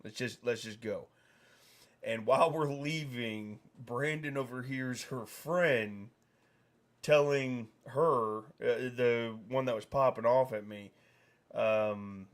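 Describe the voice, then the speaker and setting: A man's voice: medium pitch, takes it slowly. A middle-aged man hosting a stream, telling a story in casual chat, mimicking other voices and laughing often. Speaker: streamer host.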